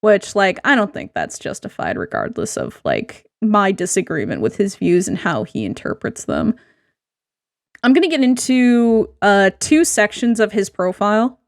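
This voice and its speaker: A woman's voice: mid-range voice, big pitch swings, normal speed, gravelly, dry recording, clean studio sound. A woman co-hosting a casual podcast, talking with many fillers and restarts. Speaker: podcast co-host. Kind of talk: casual podcast chat, reading posts aloud.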